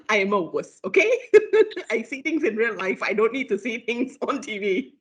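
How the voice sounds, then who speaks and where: A woman's voice: a little high, unhurried, breathy edge. A woman guest lecturer with a Malaysian English accent, telling a ghost story on a casual podcast with lots of "like" fillers and giggles. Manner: animated, giggly, many "like" fillers.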